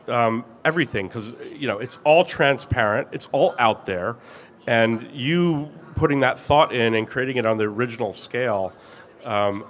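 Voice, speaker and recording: A man hosts a business interview and talks with eager enthusiasm. His questions are scattered with ums and restarts. His voice sits at a mid pitch. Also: fairly bright tone. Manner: enthusiastic, filler-heavy with many ums. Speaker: interview host, company CEO. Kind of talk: conversational interview.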